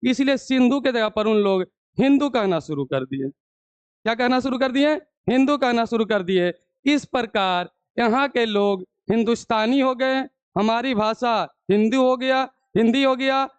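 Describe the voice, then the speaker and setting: A man's voice: very high voice, expressive, moderate pace, clean tone, dry recording. A man teaching Hindi grammar in a video lesson, asking the class questions and answering them himself.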